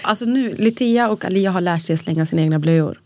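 A woman in her thirties hosting a podcast, chatting casually and bluntly, with a lively storytelling manner. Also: lowish voice. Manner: animated storyteller, blunt and swearing. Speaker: podcast host. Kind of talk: casual chat.

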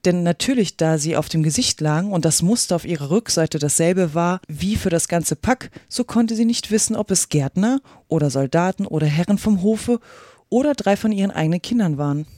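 A woman podcast host reading a classic storybook aloud in a steady, expressive way. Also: fairly low pitch, a little fast, no echo, clean studio sound.

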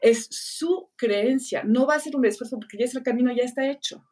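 A woman's voice: high-pitched, brisk, recorded from a distance. A middle-aged woman, chatting in a podcast and telling anecdotes, acting out what others said. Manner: animated storyteller, acts out quoted voices. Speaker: teacher and speaker on learning. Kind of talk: conversational podcast chat with anecdotes.

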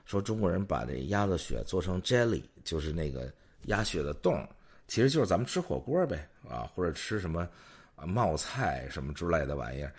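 Low husky male podcast host. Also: big pitch swings, fairly quick. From China. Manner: chatty, tells jokes and anecdotes. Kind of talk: casual storytelling chat.

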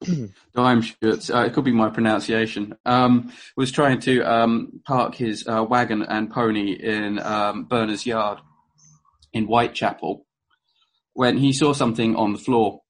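In an unhurried, lowish voice with fairly even intonation, a man talks informally about history before a live audience. He says um and uh a lot, corrects himself, and slips in wry asides.

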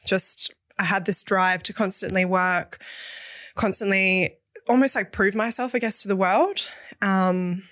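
A woman's voice: mid-range voice, fairly even intonation, a little slow, fairly bright tone, no room sound. A young woman from Western Australia, a business founder speaking frankly and reflectively as an interview guest. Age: young adult. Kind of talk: candid interview talk.

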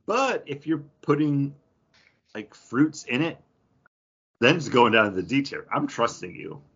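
A very animated American co-host from western New York speaks at a measured pace, his mid-range voice slightly rough and a bit bright. The audio is dull and lo-fi as he chats casually, drifts into anecdotes and repeats himself for emphasis.

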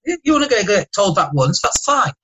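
A man's voice: high voice, sing-song, pushed and bright, slightly rough, low-quality recording. A man with a Northern English accent and a slight lisp, talking emphatically and motivationally as a podcast guest. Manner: emphatic, motivational, rapid asides. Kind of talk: casual podcast chat.

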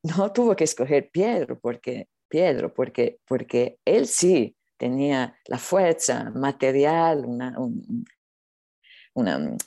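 Spiritual teacher, non-native Spanish, creaky and dark-toned, earnest, feeling for words, close dry recording. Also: medium pitch, animated, no echo. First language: not Spanish. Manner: earnest, halting, searching for words. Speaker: spiritual teacher being interviewed. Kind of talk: unscripted spiritual talk.

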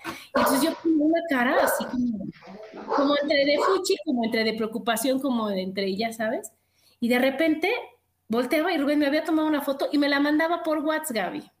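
Middle-aged Mexican woman, high voice, animated talker; echoey room. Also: brisk. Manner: animated, expressive storyteller. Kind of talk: casual chat.

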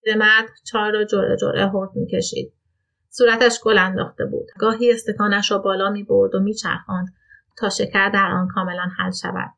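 Host, female storyteller, calm even reading of a literary short story. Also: mid-range voice, vocal fry.

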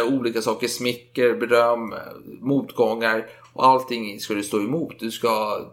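Gravelly casual male storyteller. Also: mid-range voice. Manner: chatty, swearing, acts out the people in his story.

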